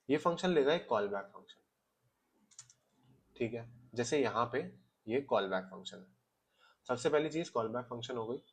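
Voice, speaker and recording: Guy walking thru code on his screen, hindi mixed w english words, medium pitch, keeps saying theek hai. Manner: explains step by step, mixing Hindi with English terms, checks in with "ठीक है". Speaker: coding tutor. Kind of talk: casual screen-recorded coding lesson.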